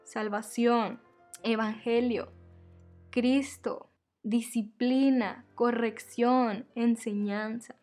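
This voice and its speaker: A woman's voice: on the high side, fairly even intonation, very slow, a little mellow, soft background music. A woman giving a devotional teaching to women, earnest and repeating her key phrases as she addresses her listeners as sisters.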